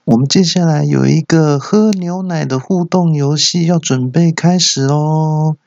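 A man's voice: a little high, creaky, darkish tone, lo-fi sound, pitched above the performer's own voice. A man doing a coquettish young hostess. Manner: coquettish, drawn-out announcing.

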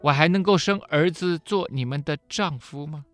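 A man voicing a grieving elderly widow who pleads slowly and sorrowfully with her daughters-in-law. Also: fairly high pitch, a bit bright, faint music behind, voice pushed up, natural voice. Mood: sorrowful pleading.

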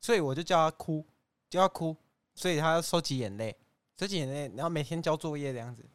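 Smug, deadpan male guest. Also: on the high side, fast, no echo. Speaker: podcast guest. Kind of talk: comedic podcast banter.

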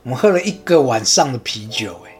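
A man's voice: medium pitch, expressive, quick pace, a little mellow, faint music behind. A man with a Taiwanese Mandarin accent, a podcast guest making wry, defensive comebacks in casual chat. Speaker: guest, the host's husband.

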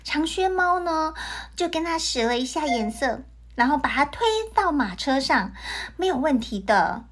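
A woman telling a fairy tale to children in an animated, sing-song way, speaking to them directly. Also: high-pitched, moderate pace. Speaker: children's storyteller. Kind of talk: storytelling for children.

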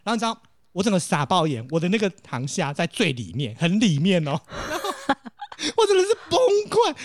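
A man with a Taiwanese Mandarin accent tells a story dramatically, and his pitch leaps high and low with every turn. He talks quickly on a dry, close recording with no room sound. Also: dry recording. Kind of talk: casual chat, storytelling.

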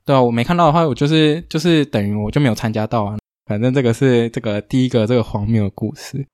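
A man hosting a podcast, telling anecdotes in a rambling, casual way with quick asides. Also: medium pitch, a little mellow, no echo, clean studio sound. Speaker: podcast host. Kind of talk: casual chat.

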